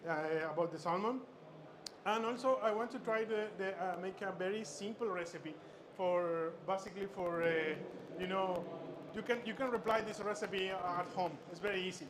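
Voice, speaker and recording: Chef instructor from Chile, male, raised pitch, stop-start cooking demo patter over loud expo noise. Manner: halting, many fillers and repeated words. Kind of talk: live cooking demonstration. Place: expo stage. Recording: noisy expo hall ambience.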